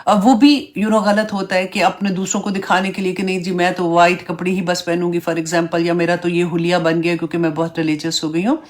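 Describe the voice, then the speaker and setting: A woman leads an online religious class in a relaxed, chatty manner. Her voice sits a little low for a woman. She slips English words into her explanations and keeps checking in with her students as she walks them through each point. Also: hardly any pauses. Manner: conversational, mixes English words into Urdu; explains step by step, asks "right?" and "na?". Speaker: Islamic teacher.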